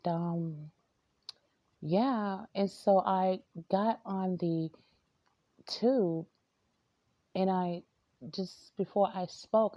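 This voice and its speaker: A woman spiritual reader telling a story to camera, hesitant and halting, often repeating words and trailing off. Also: on the low side, mellow, no echo, muffled recording.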